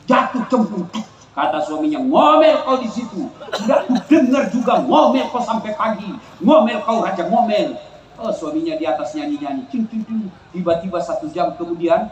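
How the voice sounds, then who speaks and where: A man's voice: high voice, echoey room, slight background noise, rough recording. A man with a Makassar Indonesian accent preaching a humorous sermon to a crowd, telling comic stories and teasing the audience. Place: outdoor town square gathering.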